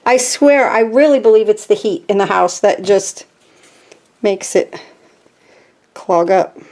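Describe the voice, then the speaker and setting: A woman hosting a casual craft tutorial from her home craft room, chatting to viewers and getting excited as she works. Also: medium pitch, slow pace. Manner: chatty and easily excited, talks to viewers while working. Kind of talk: casual step-by-step craft demonstration.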